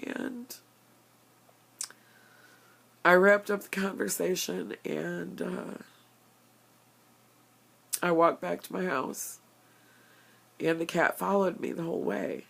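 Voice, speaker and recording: An older woman telling a personal story, halting and earnest, with stammered restarts and many fillers. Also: fairly low pitch, steady tone, vocal fry. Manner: earnest, openly emotional.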